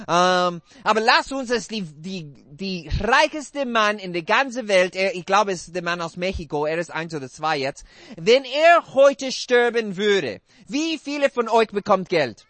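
Guy preaching in choppy learner german, voice way up high, quizzes the crowd. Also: big pitch swings, fairly bright tone, dry recording. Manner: halting non-native German, questions the congregation. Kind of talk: interactive sermon.

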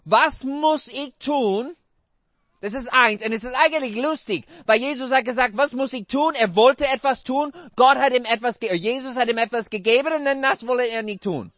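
A man preaching a sermon in halting, non-native German, putting questions to his congregation. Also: extremely high pitch, a bit bright, dry recording. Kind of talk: interactive sermon.

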